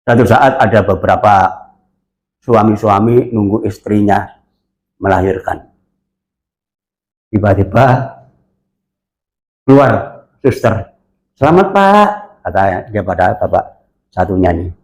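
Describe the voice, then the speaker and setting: A man preaching a lively sermon, telling stories and asking the congregation questions. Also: on the low side, slow pace, pauses often. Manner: animated storytelling, asks the congregation questions. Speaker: pastor. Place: church hall. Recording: echoey church hall.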